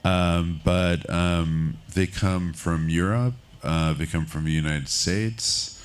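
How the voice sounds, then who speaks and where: A man from France speaking as a guest on a festival stage, candid and relaxed, talking in loose rambling bursts. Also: deep voice, slow pace, clean tone. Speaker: film finance executive, keynote guest. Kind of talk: onstage conversation. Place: stage at a film festival market.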